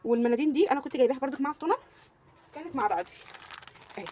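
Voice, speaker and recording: A woman's voice: high-pitched, animated, very fast, a little mellow, a little hiss or hum. A young woman with an Egyptian Arabic accent, gushing through a casual beauty product review and repeating words for emphasis. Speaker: beauty vlogger.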